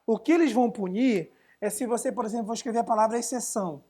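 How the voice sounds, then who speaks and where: A man's voice: very high voice, fast, dark tone, husky. A man teaching an essay-writing class live online, chatting casually and answering viewers' questions as he goes.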